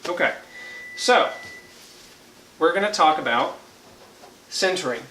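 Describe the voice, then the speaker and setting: A man's voice: fairly high pitch, lively intonation, takes it slowly, bright, forceful tone. A young man teaching a one-on-one brass lesson, patient and checking in with frequent okays. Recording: echoey room, faint ambient noise.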